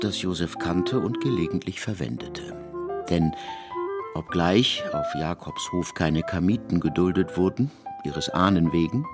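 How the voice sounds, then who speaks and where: A low-voiced male actor narrates an ancient biblical saga in a radio play, using measured, ornate phrasing.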